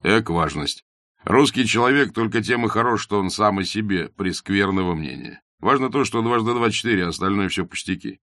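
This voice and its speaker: A man's voice: on the low side, fairly quick, a bit bright, no room sound, studio quality, voice pushed up. A man voicing a blunt young doctor who is curt, ironic and matter-of-fact in an audiobook. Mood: wry. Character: blunt young male doctor, mocking and self-assured.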